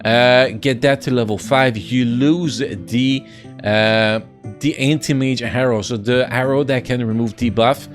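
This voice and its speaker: Soft music plays behind a French-accented man commenting on a mobile game in a mid-range voice at a moderate pace. His casual, excitable play-by-play is full of restarts and playful sound effects.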